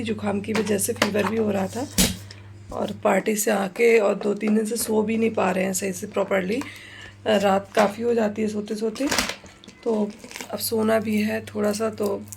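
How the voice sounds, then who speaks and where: Indoors at home, a woman who vlogs as a homemaker and mother chats casually with viewers about her day and her housework. Her mid-range voice is creaky, and she's relaxed and talkative, speaking straight to her audience. The background is noisy.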